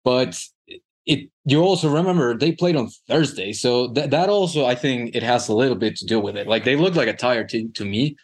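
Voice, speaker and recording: A man co-hosting a casual sports podcast, halting with frequent restarts and fillers. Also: mid-range voice. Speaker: podcast co-host.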